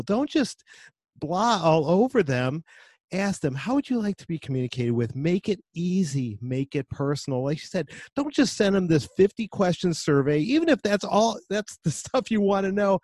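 A man in his forties hosting a podcast, talking enthusiastically and acting out quoted lines with lively asides. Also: on the high side, no echo, clean studio sound. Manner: animated, quick asides, lively quoted voices. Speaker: podcast host. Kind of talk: enthusiastic conversational interview.

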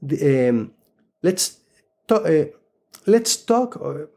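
His pitch sits fairly high and he draws out his words. He's an Argentine Spanish-accented guest from Buenos Aires, telling a casual story on an interview, lively and explanatory, offering tips for job interviews while making sure the listener stays with him.

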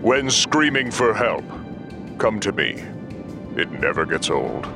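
A humorless, loyal warship admiral in a sci-fi audio drama. The voice is deep and unhurried, with formal, pompous phrasing that rises and falls dramatically. Music plays behind him. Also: male voice, sing-song, exaggerated voice. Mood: bemused. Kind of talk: audio fiction drama acting.

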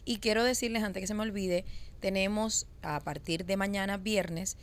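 A woman's voice: mid-range voice, normal speed. A woman co-hosting a casual podcast, talking in an upbeat, announcing way. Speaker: podcast co-host. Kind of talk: casual chat.

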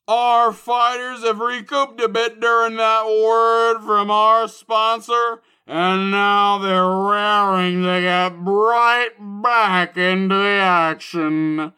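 A brash, shouting fight announcer, put on by a drunk man calls the bout in a high, bright voice. The play-by-play comes fast and loud, with a clear tone. It is an audio fantasy story, not a live broadcast. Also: level tone, full character voice. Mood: hyped. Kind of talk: drunken storybook podcast reading.

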